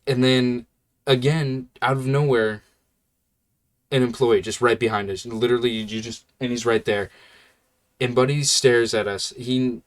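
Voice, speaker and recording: A man's voice: medium pitch, fairly even intonation, unhurried. A young man telling a story in a casual, rambling way, full of fillers and laid-back slang. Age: young adult.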